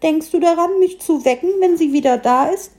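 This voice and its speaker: A woman's voice: high voice, normal speed, a little mellow, pitched above the performer's own voice, lightly acted. A woman voicing a small, tearful boar piglet who stammers and sobs as it talks. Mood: hopeful. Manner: sobbing, stammering.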